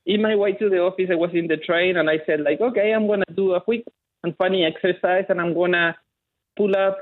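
A man's voice: high-pitched, fairly even intonation, fairly quick. A man with a thick Chilean accent and Spanish as his first language, explaining results casually in an interview over the phone. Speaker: bioinformatician, interview guest. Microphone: phone call. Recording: narrow tinny phone line.

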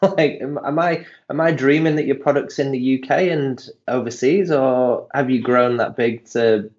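A man's voice: mid-range voice, steady tone, moderate pace, a little mellow. A man interviewing a guest, asking enthusiastic, complimentary questions. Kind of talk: casual interview. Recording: dull lo-fi sound.

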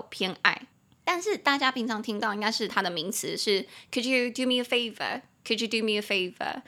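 A woman's voice: mid-range voice, a bit bright. A woman hosting a casual English-lesson podcast, chatty and prone to tangents, spelling out words as she teaches. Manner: chatty, digressive, spells out words and switches between Mandarin and English. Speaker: English tutor and podcast host.

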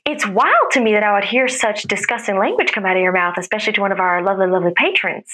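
Woman as a bright, cutting Southern boss. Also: mid-range voice, expressive, quick pace. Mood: sweetly scolding. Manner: polite but cutting. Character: sweetly scolding Southern restaurant manager. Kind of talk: improvised comedy scene.

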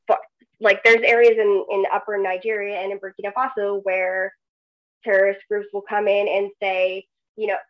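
A woman's voice: mid-range voice, little pitch movement, moderate pace, muffled recording. A woman, a guest expert, talking casually with many fillers and laughing through serious points. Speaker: guest researcher in agriculture. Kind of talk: casual podcast conversation.

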